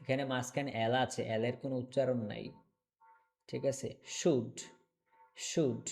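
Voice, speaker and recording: Man drilling words in a slow, patient lesson. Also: medium pitch, level tone, gravelly, darkish tone, soft background music. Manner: slow, repetitive drilling of words, checks in with "okay?". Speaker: English teacher. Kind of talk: online English lesson.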